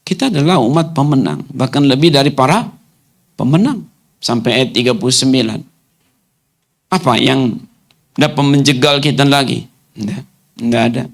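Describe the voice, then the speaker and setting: A male pastor preaching a sermon to his congregation, firing off rhetorical questions and rising into commanding, almost shouted lines. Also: mid-range voice, normal speed, creaky, long pauses. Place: church hall.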